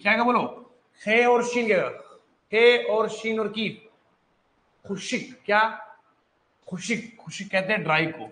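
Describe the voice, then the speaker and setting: A man's voice: sits high, pushed and bright, reverberant, rough recording. A man teaching an online reading lesson, coaxing students to sound out letters, mixing in English phrases. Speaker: Urdu teacher.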